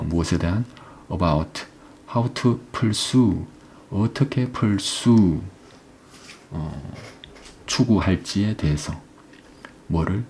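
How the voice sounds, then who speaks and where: A man teaching English, explaining an exam passage step by step, often asking "right?" and reading English phrases slowly. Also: low voice, a little mellow, a little hiss or hum.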